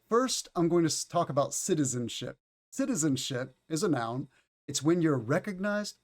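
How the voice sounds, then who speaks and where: Southern American man, English teacher, slightly high voice, tired, patient, repeats words. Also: a little mellow. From United States. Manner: patient, explains slowly and repeats key words. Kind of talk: livestreamed online class.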